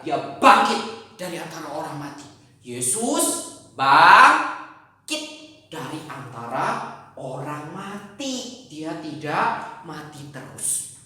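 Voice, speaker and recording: A woman teaching Sunday school, telling a Bible story to children in a lively way and acting out the voices. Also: low-pitched. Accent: Indonesian. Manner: animated, acts out voices and exclamations. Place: church hall. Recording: echoey room, voice from far off.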